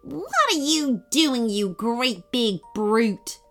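A woman's voice: fairly high pitch, wildly swooping pitch, slow pace, pushed and bright, faint music behind, heavily acted. A woman voicing a rude, bossy female burglar in a storybook reading, barking and scornful.

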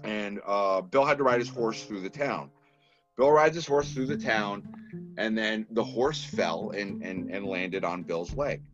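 Over background music, a filmmaker from Massachusetts speaks with a Boston accent as a guest on a casual storytelling podcast. He is lively in performing the quoted lines of his stories, though his voice is lowish and his pace measured. The high frequencies are cut off.

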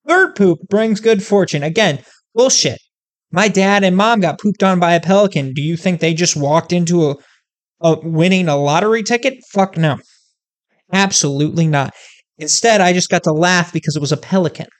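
Speaking straight to viewers, a video host launches into a comedic rant at a moderate pace. The middle-pitched voice is profane and emphatic, charged with animated, worked-up energy.

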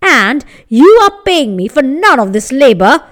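An indignant village baker who shouts and accuses, as a woman storyteller acts him out. His voice jumps high and swings widely between words. He keeps hammering his claim. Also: big pitch swings, unhurried, heavily acted.

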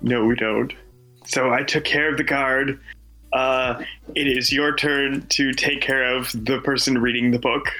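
A man playing in a tabletop game, unhurried as he describes what his character does. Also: medium pitch, flat delivery, sharp tone, faint music behind, low-quality recording. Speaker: player. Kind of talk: casual tabletop play.

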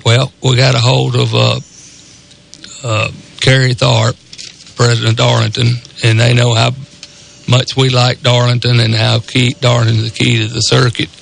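A man's voice: mid-range voice, completely flat delivery, normal speed, gravelly, a bit bright, a little hiss or hum. A man with a Southern US accent and a rural drawl, rambling casually as co-host of a sports radio show. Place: radio studio.

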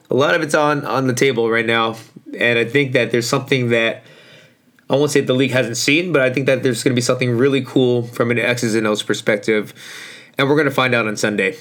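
Man, hoarse shot voice from yelling, medium pitch, slangy podcast host, casual sports predictions. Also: a little fast. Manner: informal, slangy, mildly profane.

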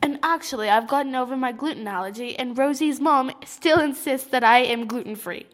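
A woman's voice: high voice, a little fast. A woman playing the guest in a silly mock interview, giving playful, mock-grand answers. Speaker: podcast co-host answering as the guest.

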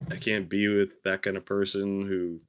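A man's voice: low-pitched, flat delivery, normal speed, smooth. A man co-hosting a podcast, talking casually in a laid-back, easygoing manner. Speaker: podcast co-host. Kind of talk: casual chat.

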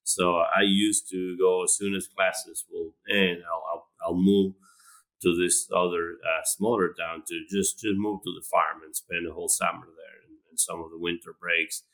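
A man from Argentina, a guest speaking in a relaxed interview, talking with frequent restarts and fillers. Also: deep voice, normal speed, poor audio. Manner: hesitant, many restarts and fillers. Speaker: animal science professor, guest. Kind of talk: conversational interview.

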